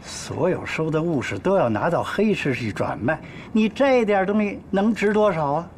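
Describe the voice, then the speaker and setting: An actor playing a sly, cowardly tax collector who bargains with and taunts a widow, with music under. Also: male voice, on the high side, animated, moderate pace, a little hiss or hum. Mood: pushy. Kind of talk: TV drama acting.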